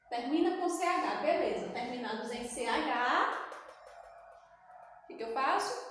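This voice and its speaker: Brazilian lady teacher, slow and patient, lots of echo like a big hall. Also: sits high, a bit bright, slight background noise. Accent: Brazilian Portuguese. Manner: explains step by step, asks and answers her own questions. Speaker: English teacher. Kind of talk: recorded classroom lesson for sixth graders. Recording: very echoey, reverberant room.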